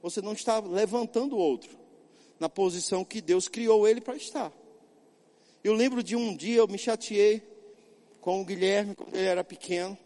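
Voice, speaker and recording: A man's voice: high-pitched, normal speed, a little mellow, big-room sound. A middle-aged male pastor preaching a sermon, emphatic, often asking and answering his own questions.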